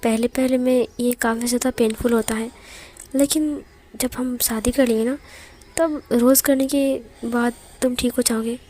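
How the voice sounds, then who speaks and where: A woman voicing a self-assured young man who teases and hushes his partner in a casual tone. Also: very high-pitched, steady tone, normal speed, a little hiss or hum. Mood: teasing. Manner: casual and teasing, firm when hushing.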